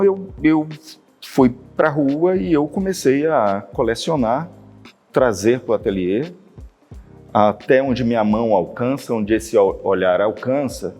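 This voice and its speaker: A man in his fifties with a Bahian Brazilian accent reflects aloud in his studio, his voice sitting at an ordinary middle pitch. He speaks in a measured, searching way and keeps checking in with little tag questions. Soft music plays faintly in the background. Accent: Bahian Brazilian Portuguese. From Salvador, Bahia, Brazil. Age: 50s. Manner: thoughtful, unhurried, frequent tag questions. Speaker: visual artist. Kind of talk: reflective interview monologue.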